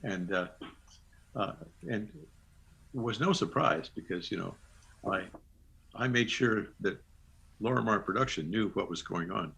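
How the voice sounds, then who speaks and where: An older man, a former television producer, telling animated stories from his career in an interview and acting out his own phone calls. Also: lowish voice, a little slow, gravelly, long pauses, breathy edge. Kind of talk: anecdotal interview storytelling.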